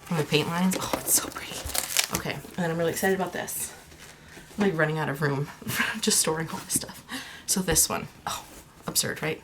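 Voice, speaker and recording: A young woman chatting casually in a vlog, gushing and chatty, with soft whispered asides. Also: sits low, noisy background. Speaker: crafting vlogger.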